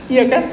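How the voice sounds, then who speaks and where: Guy preaching casual, teasing the crowd, roomy echo, bit of hum behind. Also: lo-fi sound. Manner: chatty, teasing the congregation, swings from hushed to loud. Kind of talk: conversational sermon. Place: church hall. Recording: echoey hall with faint room noise.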